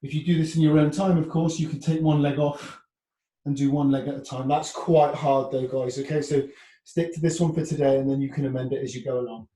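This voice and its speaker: A man's voice: a little high, flat delivery, brisk, dark tone. A man coaching a workout as an instructor, giving short clipped commands, counts and form cues with encouraging check-ins. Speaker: fitness instructor. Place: indoor room, heard from a distance. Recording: echoey room, far from mic.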